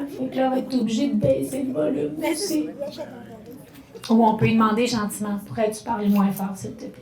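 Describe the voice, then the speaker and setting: A woman's voice: fairly high pitch, darkish tone, roomy sound. Québécois woman teaching communication skills. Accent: Québécois French. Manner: conversational, acts out examples with slowed, stressed phrases. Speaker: communication workshop speaker. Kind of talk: spoken lesson to an audience.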